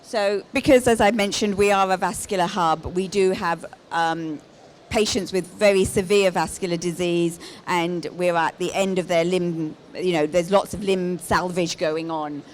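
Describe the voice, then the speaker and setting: Lower-pitched woman presenting over noise. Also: steady tone, unhurried. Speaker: lead podiatrist, presenter. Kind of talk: live presentation. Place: exhibition stand in a large busy indoor hall. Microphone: handheld microphone. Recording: live hall with clear background noise.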